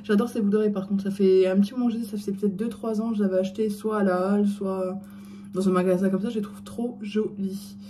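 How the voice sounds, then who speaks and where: A woman's voice: mid-range voice, steady tone, quick pace, warm tone, a little hiss or hum. A middle-aged woman chatting casually in her vlog, self-mocking and hesitant, often trailing off with fillers. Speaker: vlogger.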